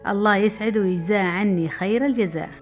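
A middle-aged woman from Saudi Arabia, telling a personal memoir story in a brisk, lively way. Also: mid-range voice. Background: faint background music.

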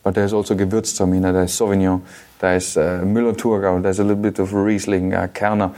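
Guest winemaker, man, South Tyrolean German accent, very low voice, halting delivery full of restarts. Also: little pitch movement, dark tone. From South Tyrol, Italy. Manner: halting, with many fillers and restarts. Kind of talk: casual interview talk.

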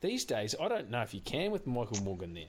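A man's voice: mid-range voice, wildly swooping pitch, quick pace, a little hiss or hum. A man giving blunt, sweary opinions as a casual sports co-host. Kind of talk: casual rugby league commentary.

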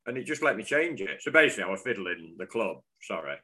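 A man co-hosts a casual football podcast, rambling from one story to the next and joking along the way. His voice is bright and forceful. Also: lowish voice, very animated, quick pace. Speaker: podcast co-host. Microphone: remote call, cuts out.

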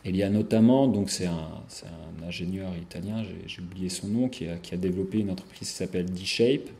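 Guy giving a lecture over slides, kinda low warm voice, lots of ums and restarts. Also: brisk, creaky. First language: French. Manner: hesitant, many fillers and restarts.

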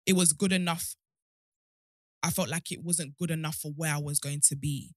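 In a casual podcast chat, a young woman, labeled guest and show host, talks at normal speed in a low-pitched, steady voice. She is candid and outspoken, jumping from point to point, and the recording is clean studio sound with no room sound.

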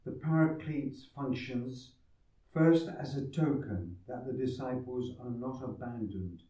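Slow-speaking priest in cathedral echo. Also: male voice, medium pitch, dark tone. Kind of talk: Gospel reading and homily. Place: large echoing church. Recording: cathedral echo, distant microphone, muffled sound.

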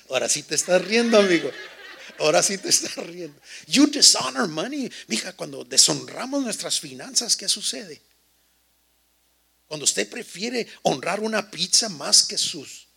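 Un pastor con acento mexicoamericano predica con humor, con una voz algo aguda, ronca y brillante. Bromea con la congregación y mezcla el español con el inglés. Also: male voice, on the high side, creaky, sharp tone, breathy edge. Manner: joking, teasing the congregation, switching between Spanish and English. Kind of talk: lively bilingual sermon.

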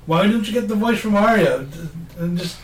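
A man with a high voice speaks from some distance off the mic, and the room echoes around him. He adds wry, offhand remarks to a loose podcast chat. He sounds thin and roomy next to his co-hosts. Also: lively intonation, brisk. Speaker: podcast co-host. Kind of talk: casual chat.

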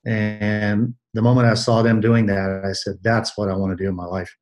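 This Belgian man in his sixties, a guest who works as an athletic trainer, has a somewhat low, darkish voice and a flat delivery. He responds to interview questions at a measured pace, using fillers and restarting phrases often while recalling his career.

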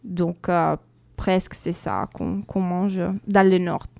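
Italian woman, non-native French, smooth clear voice, dry close sound, hesitant radio guest. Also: on the low side, fairly even intonation, slow, mellow, no room sound. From Italy. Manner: hesitant, searching for words.

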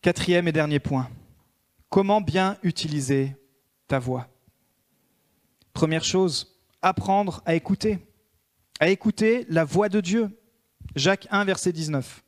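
A man preaching a sermon as a pastor, swinging between emphatic raised peaks and hushed prayerful passages. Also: sits high, slow, pauses often.

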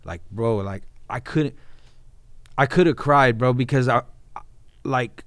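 A man's voice: medium pitch, measured pace, dry recording. A man talking casually and earnestly in an informal, heartfelt conversation, often addressing his listener as bro. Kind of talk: casual heartfelt conversation about faith and marriage.

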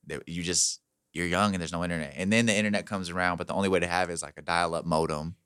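A man's voice: deep voice, fairly even intonation, quick pace, a bit bright, clean tone, dry recording, studio quality. A man of twenty-eight in casual chat, laid-back and slangy, full of "like" and "bro".

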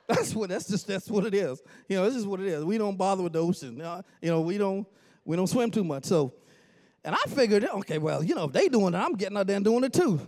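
In a church sanctuary, a Bahamian pastor in his forties delivers a storytelling sermon, swinging between chatty asides and sudden shouts. His voice sits high for a man, and he jokes easily with the congregation.

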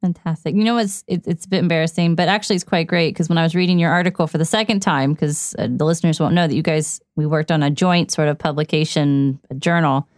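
Lower-voiced woman host, dry sound. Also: fast, few pauses, dry recording. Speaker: podcast host. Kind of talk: casual interview.

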